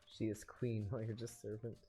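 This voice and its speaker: A man's voice: on the low side, little pitch movement, brisk, warm tone, soft background music. A man casually bantering with a friend while watching a video game, joking, laughing often and rambling off on asides. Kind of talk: casual let's-play banter.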